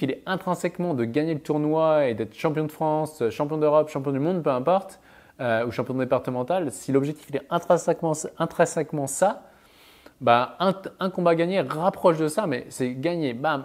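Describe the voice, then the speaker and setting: A man with a medium-pitched, darkish voice speaks as a mental performance coach, delivering advice and anecdotes emphatically. He punctuates his points with punchy little sound-effect interjections.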